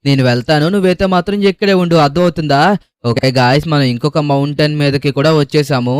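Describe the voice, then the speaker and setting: A young man hosting a gaming channel, narrating game play in character with excitable, dramatic shouts and groans. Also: fairly high pitch, fast talker, smooth, no echo. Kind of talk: game voiceover commentary in character.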